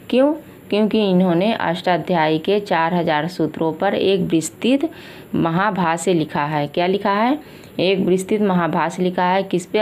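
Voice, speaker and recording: A woman's voice: on the low side, darkish tone, a little hiss or hum. A woman with an Indian accent giving an exam-prep lesson, asking questions and answering them herself, repeating each point. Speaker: Sanskrit teacher.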